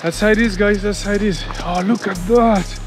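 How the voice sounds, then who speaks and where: Music plays under a French man in his thirties giving casual vlog commentary on a jungle trail, his handheld action camera held out at arm's length. His high voice moves at a normal speed; he's excitable, chatty, sweaty, a little breathless from climbing, calling viewers "guys" and swearing.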